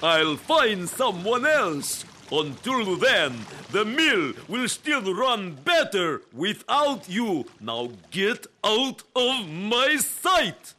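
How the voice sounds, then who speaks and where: A man's voice: sits high, very animated, very slow, few pauses, sharp tone, exaggerated voice. A man voicing a pompous squire who owns a mill, bossy and then wheedling and apologetic. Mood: harsh.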